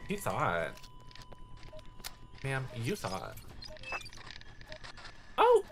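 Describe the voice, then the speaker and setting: A campy streamer with a mid-pitched, very animated voice chats casually through a game and with viewers, full of exclamations and drag slang. Clear background noise and ambience sit behind the voice. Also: drawn-out words. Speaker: live streamer and host. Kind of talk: casual live gaming commentary and chat with viewers.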